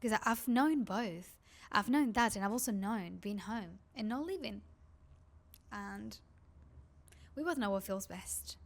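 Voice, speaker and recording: Speaking at a measured pace and pausing often, a woman from Spain with a Spanish accent vlogs in an expressive, mid-range voice. She is a native Spanish speaker who rambles and confides to camera, saying "like" a lot.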